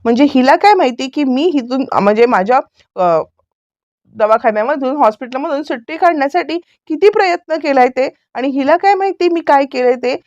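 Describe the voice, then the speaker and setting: A woman's voice: high voice, animated, fairly quick, darkish tone, no room sound, dull audio, voice pushed up. A woman reading the lines of an exasperated young man pleading with his partner.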